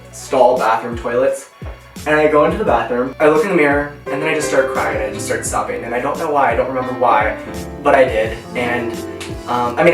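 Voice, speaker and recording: A young man telling a long personal story to camera in a casual, animated way, acting out the people in it. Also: medium pitch, distant mic. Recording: roomy echo, a bit off mic.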